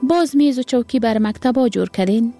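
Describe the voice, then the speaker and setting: Brief: woman as an innocent questioning boy in a storybook, raised pitch, soft music behind. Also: animated, creaky. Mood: curious. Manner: wondering questions. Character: young boy, curious and innocent.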